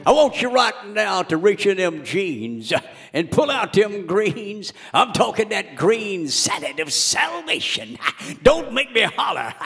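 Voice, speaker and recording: A man voicing a fiery male radio preacher, hollering in drawn-out revival style. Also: high voice, sing-song, creaky, a bit bright, soft background music, pitched above the performer's own voice, full character voice. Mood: fervent.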